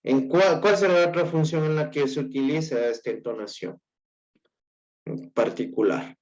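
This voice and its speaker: A male teacher giving an online class lecture, explaining slowly and haltingly with an Ecuadorian Spanish accent and checking in with his students again and again. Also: a little high, expressive, darkish tone. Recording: dull lo-fi recording.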